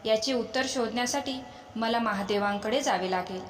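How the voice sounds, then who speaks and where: Lady doing a calm wise god, reassuring, big echoey room. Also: fairly high pitch, moderate pace, a little hiss or hum, lightly acted. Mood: gentle. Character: gentle, wise male god. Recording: echoey, long reverb.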